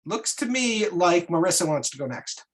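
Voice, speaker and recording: A man informally moderating an online meeting, giving polite instructions in a halting way. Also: high voice, very animated.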